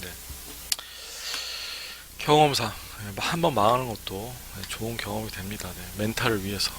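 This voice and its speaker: A man lectures over a live stream in a bright, forward voice, talking in a loose, chatty way and dropping "ne" between points. A faint hiss sits under the recording. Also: lowish voice, moderate pace. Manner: chatty, frequent "ne" fillers. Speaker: academy startup consultant.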